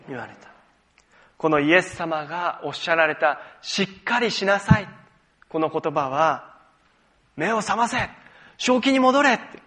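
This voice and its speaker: A man delivering a church sermon in a slightly higher-than-usual voice. He explains scripture patiently, point by point, and invites the congregation to read along with him. He adds light, self-deprecating humor. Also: fairly bright tone. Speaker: pastor.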